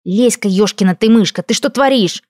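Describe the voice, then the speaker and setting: A woman's voice: sits low, moderate pace, warm tone, in a large hall, natural voice. A woman doing a grumpy furry fox familiar. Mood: grumbling. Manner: grumbling, sulky.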